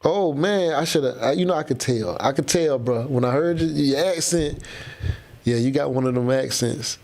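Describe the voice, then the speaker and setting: A man's voice: mid-range voice, moderate pace, a little mellow. A man from Florida hosting a live stream, chatting casually with viewers in slang and reading out their comments. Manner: laid-back, slangy, reads out chat comments. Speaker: livestream host.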